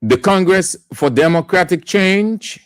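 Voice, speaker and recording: A man's voice: high-pitched, lively intonation, a little slow, no room sound. A Liberian man hosting a radio talk show, giving emphatic political commentary and repeating key words for stress.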